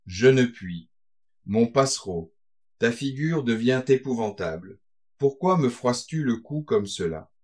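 A man reading a gothic tale aloud, voicing an anxious young woman who pleads gently with her lover. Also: mid-range voice, expressive, unhurried. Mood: gentle.

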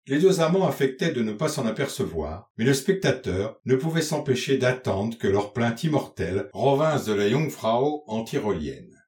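A man narrating a literary novel aloud in a measured, expressive reading style. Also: mid-range voice. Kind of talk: audiobook reading of literary prose. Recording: roomy echo.

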